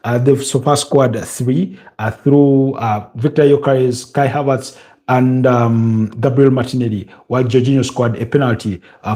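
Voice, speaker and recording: His voice is warm and mid-range, with a Ugandan accent. As host of a live football watch-along stream, he chats loosely, reads comments from viewers, and leans heavily on filler sounds.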